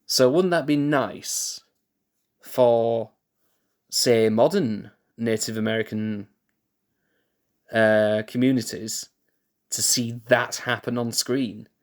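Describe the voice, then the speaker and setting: A young male streamer chats slowly at a middle pitch, taking his time. He thinks aloud in a relaxed way, often correcting himself mid-sentence and laughing lightly at his own slips. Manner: musing, thinks aloud with restarts and self-corrections; laid-back, chuckles at himself. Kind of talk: casual live-stream chat while building.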